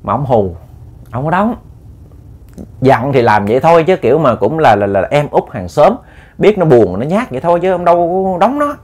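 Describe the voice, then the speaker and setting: A man telling a ghost story in a chatty, halting way, often repeating words. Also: a little high, sing-song, darkish tone. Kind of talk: casual spoken storytelling.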